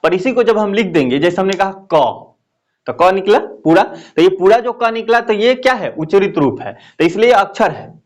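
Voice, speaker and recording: Lively high-pitched grammar teacher. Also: male voice. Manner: explains slowly, repeats key phrases, asks students questions. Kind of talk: classroom lecture.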